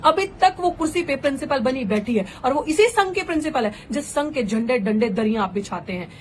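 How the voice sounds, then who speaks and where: A woman's voice: high voice, lively intonation, a little fast, slight background noise, rough recording. A young woman political activist giving an impassioned address, fervent and rhetorical, firing off pointed questions. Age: young adult.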